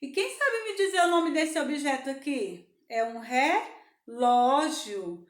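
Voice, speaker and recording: A woman's voice: sits high, sing-song, moderate pace, a bit bright, echoey room. A young adult woman with a Brazilian Portuguese accent, teaching young children in a sing-song, coaxing voice and answering her own questions. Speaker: primary school teacher.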